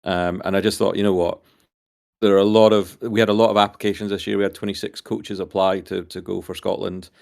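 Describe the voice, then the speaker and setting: A man's voice: deep voice, level tone, fairly quick, creaky, darkish tone. A man, a team captain, chatting casually on a stream, rambling with many repeated words and hesitations.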